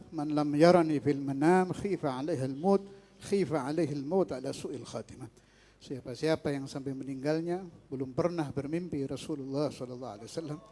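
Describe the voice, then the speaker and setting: A man preaching a religious sermon, moving from quiet teaching to loud, fervent exhortation. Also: medium pitch, creaky, long reverb tail, slight background noise.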